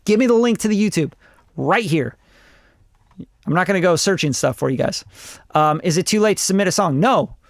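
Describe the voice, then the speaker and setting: With a high voice and lively intonation, this Costa Rican producer in his forties talks a little fast but leaves long pauses, recorded at studio quality without echo. He reviews songs live in casual stream chat that rambles, stays blunt and includes swearing.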